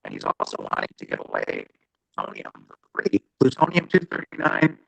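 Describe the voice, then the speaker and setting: A man's voice: a little high, wildly swooping pitch, fairly quick, gravelly, pushed and bright, husky. Man on a breaking-up call line. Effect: breaking-up call connection, dropping and stuttering. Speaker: panel guest on a call-in. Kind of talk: remote discussion on a call. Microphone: remote call line.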